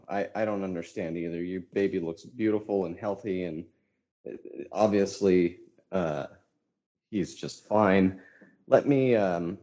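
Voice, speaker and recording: A man's voice: low voice, dark tone, muffled recording. A man playing a tabletop game and casually speaking in character. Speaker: player.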